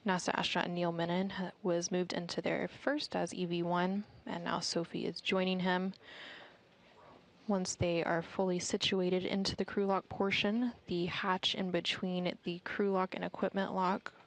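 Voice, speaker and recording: A woman commentator with a lowish, noticeably creaky voice. She explains things in a measured, informative way, keeping her intonation very even throughout. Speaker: live spacewalk broadcast commentator.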